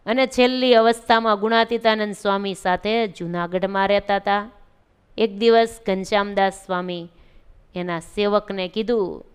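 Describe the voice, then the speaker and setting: Smooth-voiced woman telling a devotional story. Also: medium pitch. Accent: Gujarati. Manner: expressive, acts out quoted devotees in a pleading voice. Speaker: religious storyteller.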